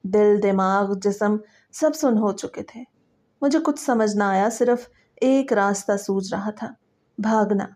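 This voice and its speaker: A woman's voice: mid-range voice, a little mellow. A woman telling a suspenseful story in the first person, in a tense, dramatic narration.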